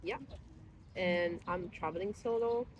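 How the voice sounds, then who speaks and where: A woman's voice: lowish voice, unhurried, a crowd in the background, poor audio. Woman explaining at length. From Italy. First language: Italian. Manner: thoughtful, explains at length, self-deprecating. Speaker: guest. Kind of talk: casual chat. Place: outdoors in a park.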